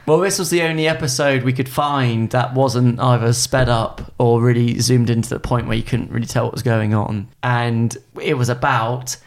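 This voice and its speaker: A man's voice: medium pitch, fairly even intonation, normal speed, few pauses. A man casually recapping a cartoon episode in a rambling, self-mocking way.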